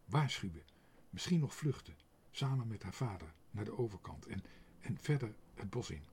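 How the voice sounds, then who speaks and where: A man reading a children's book aloud, expressive and sometimes dropping to a whisper. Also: on the low side, normal speed, husky. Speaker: narrator.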